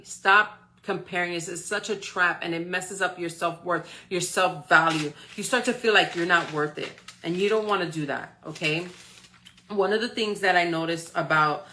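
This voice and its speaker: With slight background noise, a woman in her forties speaks at normal speed in a fairly low, bright, forceful voice with fairly even intonation. She's a motivational speaker on a live stream, encouraging her audience and checking in with frequent "okay?" and "right?"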